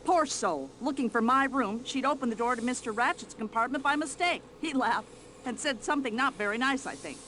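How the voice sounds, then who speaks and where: An actress voicing an older American widow in a video game, brash, nosy and quick to complain. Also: female voice, fairly high pitch, slight background noise. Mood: gossipy. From United States. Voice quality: loud, sharp-tongued and complaining.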